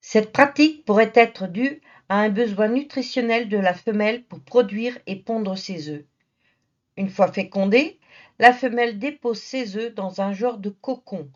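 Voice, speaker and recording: Narrating a nature documentary, this woman's somewhat high voice takes on a teasing, familiar tone as she tells the story and tosses playful remarks to the audience. The audio has its high frequencies cut off.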